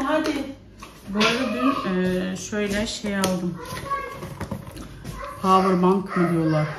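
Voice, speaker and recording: A woman chatting in a home vlog, often calling out to her children as she does chores. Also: medium pitch. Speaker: vlogger and mother. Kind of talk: casual home vlog chat. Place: home, kitchen and yard. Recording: echoey room with background noise.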